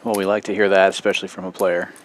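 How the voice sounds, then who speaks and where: A man with a lowish voice hosts a poker broadcast. He calls the action and chats casually with his commentary partner. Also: little pitch movement, rapid-fire, slight background noise. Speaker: stream host and poker commentator.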